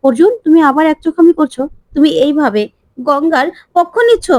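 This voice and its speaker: A woman voicing a shrill, accusing young wife. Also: a little fast, a little mellow, no room sound, lightly acted. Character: scheming young wife, injured and complaining.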